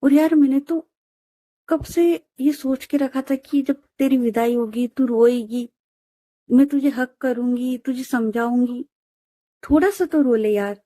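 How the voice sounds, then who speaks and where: A woman's voice: sits high, steady tone, measured pace, mellow, no room sound. A woman doing a teasing young girlfriend. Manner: teasing, coaxing. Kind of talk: storybook narration.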